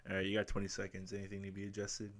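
A man's voice: on the low side, monotone, racing. A young man hosting a podcast, chatting casually with friends, teasing, swearing and laughing often. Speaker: podcast host.

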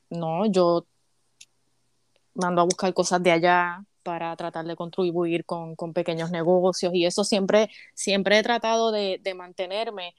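A middle-aged woman from Puerto Rico with a Puerto Rican accent, chatting as a guest in an interview, friendly and halting with restarts. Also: lowish voice, clear, resonant tone, no echo. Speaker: sports commentator, guest. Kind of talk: casual interview chat.

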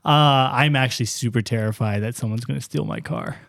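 A man's voice: medium pitch, brisk, vocal fry, fairly bright tone. A man co-hosting a podcast in casual chat, rambling with lots of fillers. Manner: rambling, filler-heavy, laid-back. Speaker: podcast co-host.

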